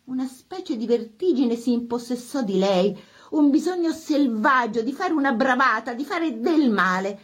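A woman narrating an audiobook in a measured, expressive reading. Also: fairly high pitch.

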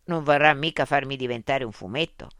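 A woman's voice: rumbling low, a little fast, fairly bright tone, clear, resonant tone, dry recording, studio quality. A woman voicing an informal, direct woman illustrator welcoming a guest. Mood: casual.

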